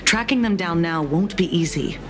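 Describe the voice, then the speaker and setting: A woman playing a shrewd, teasing police detective in a video game, with a measured, skeptical delivery. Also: fairly low pitch, a crowd in the background, natural voice. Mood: composed, skeptical.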